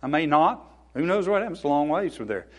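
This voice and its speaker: Fifties guy preaching, kinda high voice, folksy and earnest, cracks little jokes. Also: very animated, fast. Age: 50s. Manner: earnest, folksy, joking asides. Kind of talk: sermon and closing prayer.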